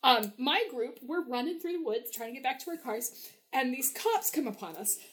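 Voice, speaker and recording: A woman's voice: sits high, animated, moderate pace. A young woman telling a story as a podcast guest, chatty, with many fillers and frequent laughs. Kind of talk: casual storytelling.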